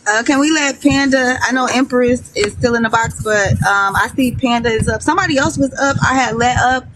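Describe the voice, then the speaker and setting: A woman moderates a casual online panel in a slightly high voice. She is firm and explanatory, over slightly noisy audio with clicks. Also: fairly quick, fairly bright tone. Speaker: panel host.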